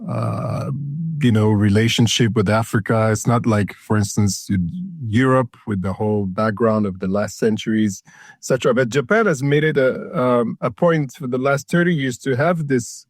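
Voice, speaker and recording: A man from Ethiopia, founder of a consulting firm, speaks in a mid-range voice with no room sound. It's a conversational interview, and his delivery is hesitant, loaded with fillers and repeated words.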